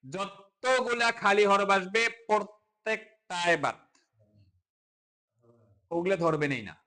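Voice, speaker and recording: High, slow-paced male Quran teacher. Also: animated, pushed and bright. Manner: slow drilling, repeats letters and asks the class to answer; chanting spelling in a drawn-out singsong. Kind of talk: live online recitation class.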